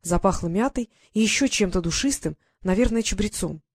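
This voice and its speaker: Woman, audiobook narrator, medium pitch, steady reading, dry close sound. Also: brisk, slightly rough, dry recording.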